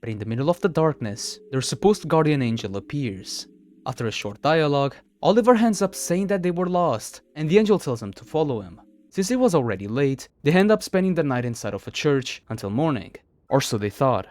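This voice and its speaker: A darkish, higher-pitched male voice delivers scripted storytelling for a horror video countdown, summarizing each tale as the narrator. He speaks a little fast in a sing-song way.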